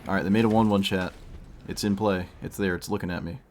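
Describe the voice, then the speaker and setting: A man's voice: deep voice, fairly even intonation, fast, slight background noise. A man streaming a card game, thinking aloud in casual commentary while losing his voice.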